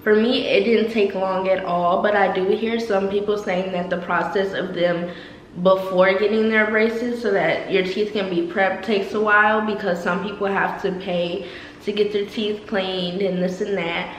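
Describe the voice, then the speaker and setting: A woman's voice: medium pitch, fairly even intonation, a little slow, reverberant, a little hiss or hum, low-quality recording. A nineteen-year-old woman vlogging a casual Q&A while speaking with braces, chatty, with frequent ums. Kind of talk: casual Q&A vlog.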